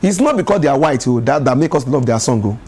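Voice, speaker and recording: A Nigerian gospel artist with a Nigerian English accent appears as a guest on a casual talk show in a television studio. He tells lively stories fast in a medium-pitched voice, often laughing and repeating words.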